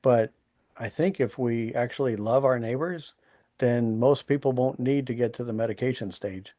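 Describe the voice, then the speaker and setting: A man's voice: medium pitch, moderate pace, dark tone, studio quality. A man hosting an online town hall, talking in a plainspoken, earnest way about community and caring for people. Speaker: host, resiliency leader.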